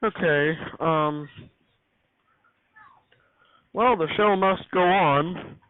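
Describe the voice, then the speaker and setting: Speaking extremely slowly in a high voice, an amateur vlogger rambles casually about his home radio studio while sorting out gear, muttering and repeating himself. The recording is dry yet tinny and phone-like, with a hissy backdrop.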